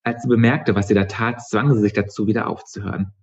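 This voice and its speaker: A male author reading his novel aloud in steady, measured narration. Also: on the low side, husky, muffled recording. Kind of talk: live book reading.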